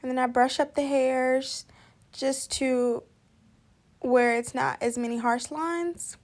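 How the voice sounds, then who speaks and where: A woman's voice: high voice, steady tone, takes it slowly. A young woman chatting casually through a makeup tutorial voice-over, easygoing and talking through each step. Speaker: makeup artist.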